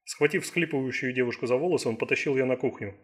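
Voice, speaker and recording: Husky male audiobook narrator. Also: medium pitch. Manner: steady, measured reading. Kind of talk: scripted narration.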